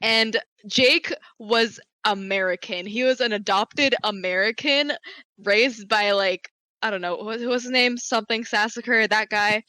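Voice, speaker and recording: A woman talking casually as a convention panelist, animated and laughing, with lots of "like". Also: a little high, measured pace, dry recording.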